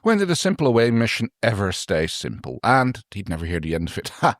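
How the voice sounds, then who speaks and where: Laid-back low-voiced male podcast co-host. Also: sing-song, a little fast, no echo, studio quality. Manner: easygoing, chuckling. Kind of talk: casual chat and story reading.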